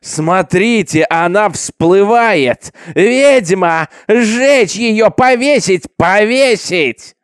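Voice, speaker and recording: Raised, menacing voices of a witch-hunting crowd, as a male reader puts them on. Loud and lively, in a horror audio tale. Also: a little high, normal speed, dry recording, studio quality, close to an everyday voice. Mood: shouting. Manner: shouting, jeering, menacing. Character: angry mob of cruel villagers.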